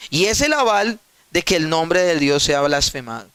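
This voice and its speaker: A man's voice: on the high side, very animated, normal speed, fairly bright tone, clean tone, dry recording. A male pastor preaching a sermon emphatically, putting rhetorical questions to his listeners and addressing them directly.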